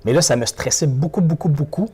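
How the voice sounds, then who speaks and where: A man's voice: fairly high pitch, fairly quick, warm tone, slightly rough. A man with a Québécois French accent, a motivational speaker giving an interview, who repeats words and phrases for emphasis. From Quebec. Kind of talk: animated interview talk.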